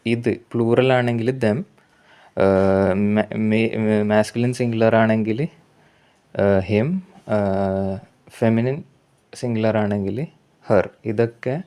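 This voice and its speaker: A man with a Malayali accent teaching an English grammar lesson, explaining patiently, repeating points and correcting himself, and reading example sentences very slowly. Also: lowish voice, dark tone, clean tone. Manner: slow, repetitive explaining with self-corrections.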